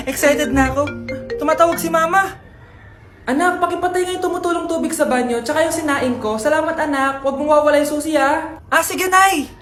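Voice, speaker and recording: A woman acting out every part in short comedy skits, loud and animated as she switches between a mother and her child. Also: high voice, brisk. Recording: roomy sound with music underneath.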